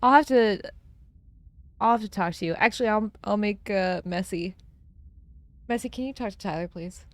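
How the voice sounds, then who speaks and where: A woman's voice: medium pitch, moderate pace, pauses often, no room sound. A young woman streaming from home and chatting casually on a close desk mic, rambling with lots of fillers and frequent laughs. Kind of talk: casual chat while gaming.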